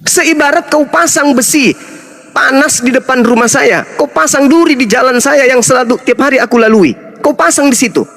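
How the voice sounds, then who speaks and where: Guy, scolding and mocking, really high voice, long reverb like a big hall. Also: moderate pace, a bit bright. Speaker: Islamic apologist speaker. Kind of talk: heated rebuttal talk.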